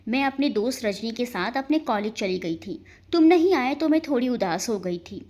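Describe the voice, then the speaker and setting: A woman's voice: on the high side, lively intonation, normal speed, a little mellow. A woman voicing a playful, affectionate young wife in a storybook romance. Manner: playful, pleading.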